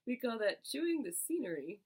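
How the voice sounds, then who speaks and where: A playful young woman co-hosting a casual podcast, with a theatrical touch to how she reads. Her pitch swings around animatedly. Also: big pitch swings, moderate pace, darkish tone, husky. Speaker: podcast co-host. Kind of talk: casual chat.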